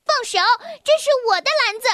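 小红帽，女声扮演. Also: female voice, very high-pitched, animated, brisk, dry recording, clean studio sound, voice pushed up. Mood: demanding. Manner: sharp, demanding. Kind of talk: children's storybook reading.

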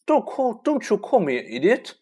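A man's voice: extremely high pitch, normal speed, a little mellow, voice pushed up. A man voicing a nervous but defiant schoolboy in a raised, flustered voice.

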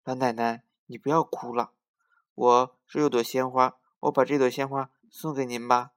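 A man voicing a kind, eager little girl in a children's story, speaking gently with a slightly raised pitch. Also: flat delivery, normal speed, close to an everyday voice. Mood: comforting.

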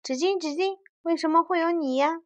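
A woman's voice: very high voice, fairly quick, no echo, pitched above the performer's own voice. Woman doing a small, curious little boy. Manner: childlike, questioning, wistful. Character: small curious boy asking why he exists.

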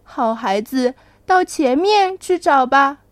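A woman voicing a gentle, kind turtle in a children's story. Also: sits high, lively intonation, takes it slowly, no echo.

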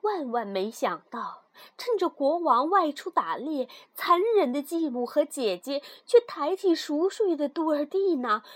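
A woman storyteller reading a fairy tale aloud in expressive, scripted narration. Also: high-pitched, a little slow, hardly any pauses, no room sound.

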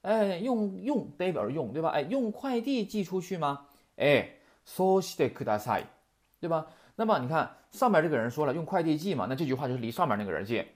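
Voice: mid-range voice, big pitch swings, brisk. A language teacher explains example sentences and keeps checking with "right?". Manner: constantly asks "right?" to check understanding; quotes example sentences, then explains them. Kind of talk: classroom lesson explanation.

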